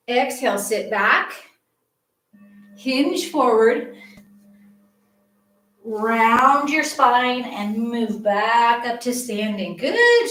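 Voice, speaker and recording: A middle-aged woman with a slightly high voice talks a live class through its poses in an unhurried, encouraging way, a bit winded as she moves. She sounds set back from the mic, and her voice rings around an echoey room. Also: recorded from a distance. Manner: encouraging, chatty, gently coaching through each pose. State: slightly out of breath. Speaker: yoga and meditation instructor. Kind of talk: live-streamed movement class instruction.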